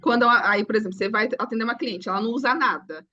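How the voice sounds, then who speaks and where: A woman fires off a quick, inquisitive question. Her voice is bright and fairly high, and the audio sounds muffled and lo-fi. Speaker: sales consultant asking a question. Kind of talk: casual question in a discussion.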